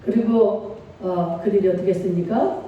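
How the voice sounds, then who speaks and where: A woman's voice: mid-range voice, fairly even intonation, normal speed, highs cut off, slight background noise. A middle-aged woman pastor preaching a sermon with feeling and call-and-response. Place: church sanctuary. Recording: echoey church hall from far off.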